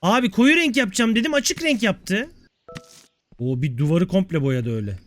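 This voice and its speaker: An excitable man talks through a management game in loose let's-play commentary. His voice sits high and leaps around in pitch, and he banters and curses at what happens on screen. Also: normal speed. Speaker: gameplay video creator.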